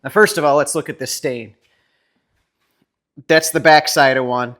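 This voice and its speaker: A man's voice: fairly high pitch, a little slow. A man hosting a woodworking channel, casually showing cabinet work while filming one-handed, chatty and talking to himself now and then. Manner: relaxed, chatty, self-talk while filming.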